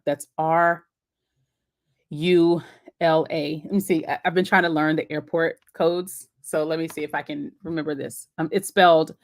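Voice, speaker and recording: Chatty low-voiced woman hosting a live Q&A. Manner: chatty, encouraging, with many fillers and restarts. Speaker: host of a live Q&A. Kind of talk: casual live-stream Q&A.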